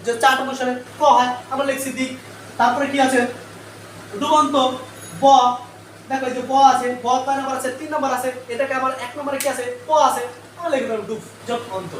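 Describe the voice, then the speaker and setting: Speaking quickly with fairly even intonation and a very high voice, this man teaches grammar live online, firing repeated questions at his class before answering them himself. The recording is distant from the mic, roomy with echo, and carries faint noise.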